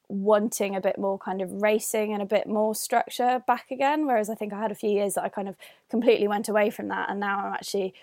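Woman, young adult guest on a call, gravelly, halting chat, dry sound. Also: mid-range voice, darkish tone, no echo. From Northern Ireland. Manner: hesitant, many fillers and restarts. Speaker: guest, adventure athlete. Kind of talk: casual interview answers. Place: home, remote call.

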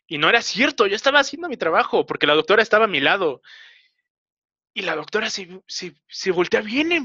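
Halting Mexican man, bright and dry. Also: sits high, lively intonation, no room sound. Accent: Mexican Spanish. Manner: halting, rambling, many filler pauses. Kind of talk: casual personal storytelling. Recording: slightly dull, dry recording.

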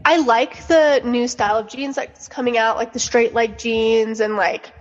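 Young female co-host, fairly high voice, girly casual chatter full of fillers, muffled lo-fi sound with reverb. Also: steady tone, normal speed, faint music behind. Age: young adult. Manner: girly, filler-heavy talk peppered with "like". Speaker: podcast co-host. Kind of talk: casual chat. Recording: dull, echoey lo-fi recording.

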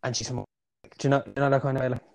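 An Irish man co-hosting a casual podcast chat, thinking out loud and swearing now and then. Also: medium pitch, fast, vocal fry. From Ireland. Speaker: podcast co-host. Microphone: remote call mic.

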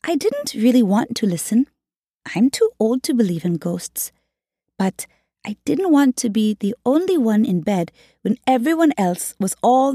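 A woman reading a novel aloud as an audiobook narrator, at a measured, even pace. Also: on the high side, no room sound, clean studio sound.

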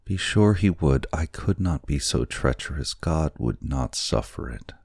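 A man's voice: unhurried, creaky, breathy edge, no room sound, clean studio sound, full character voice. A man reading an audiobook, voicing a frightened, desperate young wife in a trembling, raised voice. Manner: pleading, trembling, raised pitch.

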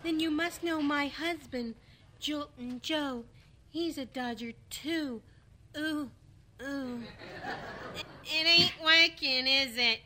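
A woman's voice: sits high, takes it slowly, pauses often, bright, forceful tone, a little hiss or hum, heavily acted. A woman playing a naive, brassy would-be blonde bombshell in an old-time radio comedy. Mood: coy, hopeful.

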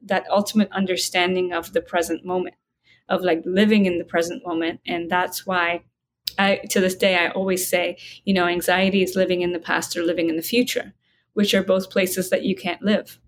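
Calm, reflective woman guest. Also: fairly low pitch, slight background noise. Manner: calm, reflective, slows down for emphasis. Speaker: spiritual guide and interview guest. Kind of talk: conversational interview.

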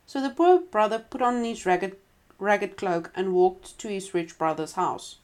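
A woman's voice: mid-range voice, a little slow, darkish tone. A woman reading a folk tale aloud to a listener, breaking off for casual asides. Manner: conversational, with frequent asides and restarts. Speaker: storyteller.

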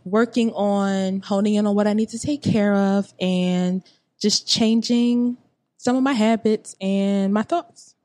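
A woman's voice: mid-range voice, fairly even intonation, a little slow, a little mellow. A woman in her late twenties chatting casually on a podcast, rambling with lots of fillers and asides. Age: 20s. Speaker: podcast guest. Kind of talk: casual chat.

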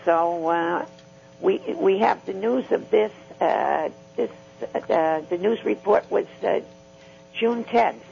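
A man speaking haltingly as a talk show guest, searching for words while discussing news. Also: sits high, creaky, darkish tone, faint music behind. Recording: dull radio line, faint hum.

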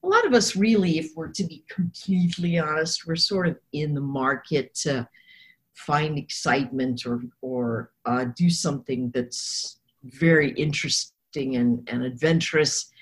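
A woman speaks in a fairly low voice, hoarse and froggy with a smoker's rasp. She rambles a little as she thinks aloud, giving conversational commentary on the markets as a guest. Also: measured pace. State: hoarse from coughing. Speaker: trader and technical analyst guest.

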